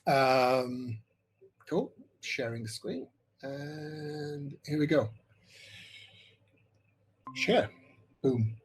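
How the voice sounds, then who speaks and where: A man's voice: mid-range voice, expressive, extremely slow, pauses often, breathy edge. A middle-aged man from Hungary giving an online workshop presentation on visual effects, rambling with many fillers and restarts over a computer mic.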